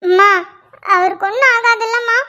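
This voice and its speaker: A woman's voice: extremely high pitch, fairly even intonation, moderate pace, sharp tone. A woman voicing an anxious, pleading pregnant young wife in a cartoon. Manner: fretful, pleading. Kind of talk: cartoon voice acting.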